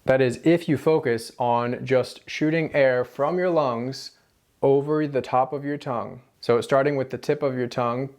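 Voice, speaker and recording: An American man gives a casual pronunciation lesson at a middle pitch. He explains step by step and demonstrates tapped and rolled R sounds, repeating syllables and example words as he goes. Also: fairly even intonation, moderate pace, darkish tone. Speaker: language teacher.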